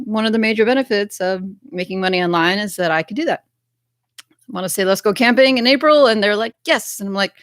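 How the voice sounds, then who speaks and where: This is a chatty American woman hosting a casual livestream, her voice sitting on the lower side. She talks in an upbeat, loose way, reading out comments from viewers. The sound is dry and close, with no room around it. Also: a bit bright, dry recording. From United States. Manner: chatty, upbeat, reads chat comments aloud. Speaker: livestream host.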